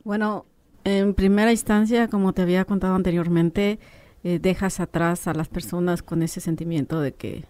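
A woman's voice: on the low side, normal speed, no echo. A woman who is a radio guest, telling a personal story and acting out the dialogue. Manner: animated storyteller, acts out dialogue.

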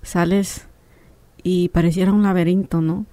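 A woman's voice: fairly low pitch, a little slow, dry recording. A woman who is a radio guest, telling a personal story and acting out the dialogue. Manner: animated storyteller, acts out dialogue.

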